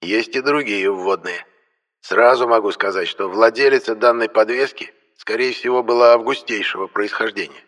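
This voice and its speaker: A man's voice: on the low side, normal speed, fairly bright tone, pitched above the performer's own voice, lightly acted. A male narrator voicing a genial, courteous elderly antique dealer who explains things at length. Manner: courteous, lecturing, pleased with himself.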